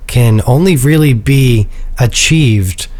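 A man's voice: mid-range voice, takes it slowly, a little mellow. A young man, a music composer, answering interview questions casually and enthusiastically. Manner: casual, filler-heavy, enthusiastic.

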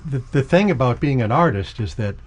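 A man's voice: mid-range voice, lively intonation, a little fast. A middle-aged man hosting a conversational interview, asking questions and introducing clips. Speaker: interview host.

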